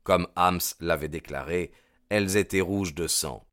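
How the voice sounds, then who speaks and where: Male audiobook narrator, measured literary delivery, very deep voice, dry close sound. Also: a bit bright, clean tone, no room sound. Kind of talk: scripted narration.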